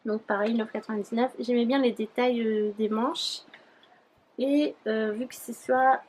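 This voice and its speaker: A young woman chats her way through a beauty haul, her voice sitting a little high. She rambles easily, filling pauses with hesitations. A faint noise hangs under the recording. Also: fairly even intonation, a little mellow, low-quality recording. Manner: chatty, rambling with many fillers. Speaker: beauty YouTuber. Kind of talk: casual haul vlog.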